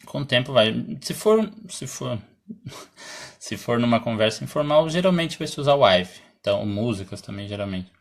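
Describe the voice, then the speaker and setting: A Brazilian man teaching English in a live stream, explaining slowly, reading example sentences aloud, clearing his throat often and answering viewers' questions. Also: medium pitch, big pitch swings. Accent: Brazilian Portuguese. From Santa Catarina, Brazil.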